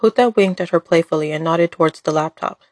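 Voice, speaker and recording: A woman's voice: sits low, brisk, no room sound. A woman reading scripted story narration as the narrator.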